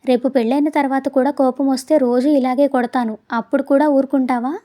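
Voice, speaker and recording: Woman reading the part of a stern young man in a romance audio story, gruff and scolding, rather high voice, mellow tone. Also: steady tone, a little fast, lightly acted. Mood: teasing. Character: irritable young man, stern yet softening.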